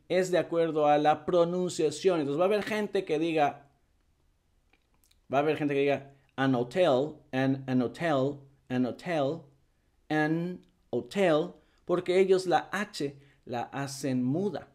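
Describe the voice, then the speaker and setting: A man teaches an English grammar lesson, repeating example words again and again and checking in with a quick "ok?". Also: on the high side, darkish tone.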